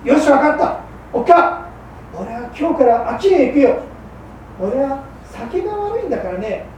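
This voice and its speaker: A woman voicing a gruff old-Edo fishmonger. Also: high voice, sing-song, normal speed, darkish tone, pitched above the performer's own voice. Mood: resolved. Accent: old Edo Tokyo working-class. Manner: gruff, clipped, rough-spoken. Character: hard-drinking male fishmonger, rough, boastful, then repentant. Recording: roomy hall from far off, faint hum.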